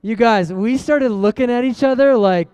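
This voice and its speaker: A young man with a very high, smooth voice gives a motivational keynote. He tells his story in a lively way and throws questions at the audience. The sound is dry and close. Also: normal speed, dry recording. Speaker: keynote speaker.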